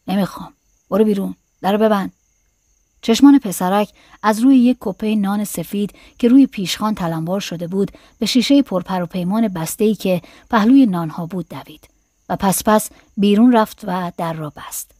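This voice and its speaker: Female narrator, calm measured audiobook reading, dry studio sound. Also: medium pitch, no room sound.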